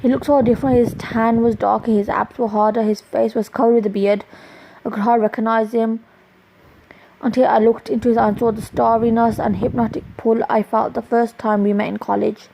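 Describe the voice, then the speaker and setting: A woman reading her own romance story aloud in a plain, halting way with small restarts, in a dull lo-fi recording. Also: fairly high pitch, level tone, gravelly, dark tone, slight background noise.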